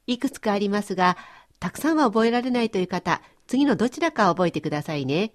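A woman leads a radio language lesson, and her pitch rises and falls freely. She explains each phrase in a friendly, clear, instructive way. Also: animated, quick pace. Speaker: language teacher and host.

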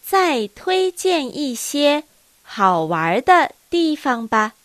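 A woman teaching a language lesson, reading dialogue lines with careful, deliberate enunciation. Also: high voice, big pitch swings, fairly bright tone, no room sound.

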